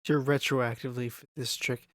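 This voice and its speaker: A man's voice: medium pitch, flat delivery, brisk, dry recording, studio quality. A man co-hosting a casual book discussion, asking questions and giving short reactions. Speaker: podcast co-host.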